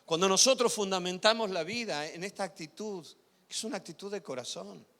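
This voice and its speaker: A male pastor preaching a sermon, swinging loud emphatic passages to quiet intimate asides and often asking the congregation whether they follow. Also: high voice, fairly quick. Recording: reverberant church hall.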